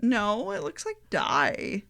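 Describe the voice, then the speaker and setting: A woman's voice: mid-range voice, wildly swooping pitch, slow pace, vocal fry, fairly bright tone. A woman co-hosting an informal book chat, agreeable and happy to swear. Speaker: co-host of a book discussion show. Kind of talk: casual chat.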